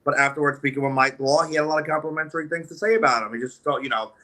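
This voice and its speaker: A man with a sharp, bright tone talks as a guest on a radio show. He rambles, restarts his sentences, and leans on "you know" as he praises and sizes up wrestlers. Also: on the high side, very fast. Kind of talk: casual interview talk. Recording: remote call audio.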